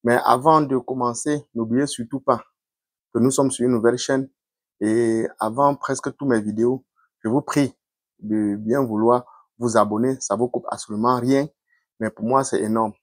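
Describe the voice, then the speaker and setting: Husky man giving vlog commentary. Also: mid-range voice, steady tone, moderate pace, no echo, clean studio sound.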